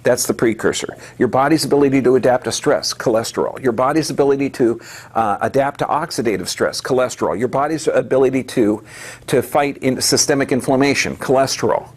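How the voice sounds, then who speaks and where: A man's voice: medium pitch, brisk. A man giving an emphatic health lecture to a live audience, firing off rhetorical questions and answering them himself.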